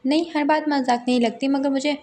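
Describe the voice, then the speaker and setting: A woman narrator voicing a young man who teases his wife and then speaks with calm assurance, read in her own voice. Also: high-pitched, a little fast, a little hiss or hum, close to an everyday voice. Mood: teasing. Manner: breezy, teasing, calm assurance. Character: young man, teasing then earnest husband.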